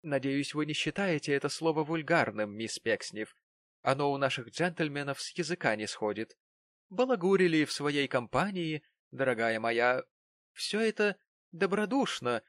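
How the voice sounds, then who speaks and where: A man's voice: fairly high pitch, expressive, moderate pace, a bit bright, no room sound. A man putting on a gushing, melodramatic landlady. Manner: effusive, melodramatic, sighing. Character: gushing dramatic middle-aged landlady woman.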